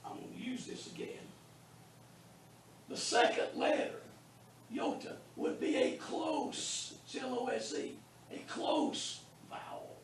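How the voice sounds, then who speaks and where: A man teaching a beginners' Greek class in a classroom, drilling sounds slowly and deliberately with lots of repetition and a teasing sense of humor. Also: very high-pitched, huge pitch swings, far from the mic, a little hiss or hum. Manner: wry, teasing humor with students. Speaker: Bible college Greek teacher. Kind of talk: classroom lecture. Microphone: distant room mic. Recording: echoey classroom taped from afar.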